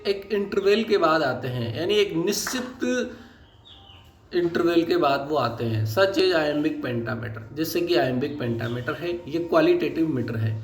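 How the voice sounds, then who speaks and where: A man giving a lesson, explaining terms patiently and reading English lines aloud slowly word by word. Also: a little high. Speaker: teacher. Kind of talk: recorded lecture explaining English poetic meter. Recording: echoey room with faint background noise.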